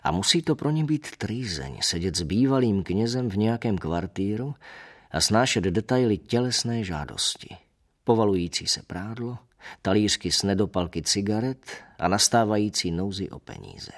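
A man narrating a novel in the first person, measured and wry with a bitter undertone. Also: fairly low pitch, lively intonation. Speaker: audiobook narrator.

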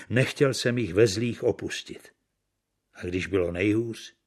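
A man reading the part of a bitter, worn-out actor, brooding and earnest, in an audiobook. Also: lowish voice. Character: bitter, worn-out middle-aged male stage actor.

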